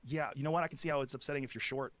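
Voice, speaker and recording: A man in an argumentative podcast chat, firing off blunt, sarcastic rhetorical questions, with loud noise underneath. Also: mid-range voice, steady tone, quick pace.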